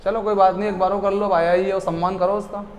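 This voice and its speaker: A man with a very high-pitched voice teaches a class and keeps firing questions at the students before answering them himself. His voice rings out with a long echo, as if in a large hall. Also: little pitch movement, quick pace, a little hiss or hum. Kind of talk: classroom lecture.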